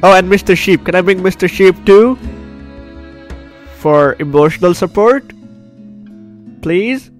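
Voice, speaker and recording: An animated man with a high voice narrates a gaming video at a measured pace, leaving long pauses. He's recovering from the flu, reading game text aloud and reacting dramatically with repeated phrases, while game music plays underneath.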